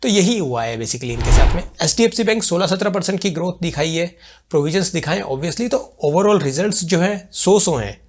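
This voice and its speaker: A man with a somewhat high-pitched voice delivers a weekly stock market analysis. He explains conversationally and pauses to think aloud. He uses simple everyday comparisons to make his points. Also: animated.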